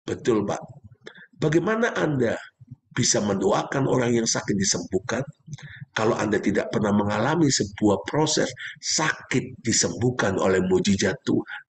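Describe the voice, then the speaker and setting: A male pastor preaches a sermon at a moderate pace with lively intonation. He speaks directly to his congregation, his emphatic exclamations leaping suddenly in pitch.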